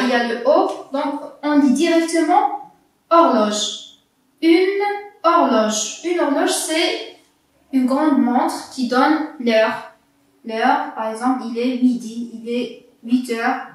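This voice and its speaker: Slow, patient woman teacher in an echoey room. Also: high voice, a bit bright, far from the mic. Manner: slow, patient, spells out letters and repeats words. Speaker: primary school teacher. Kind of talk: French phonics lesson for young children. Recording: echoey room, voice set back from the mic.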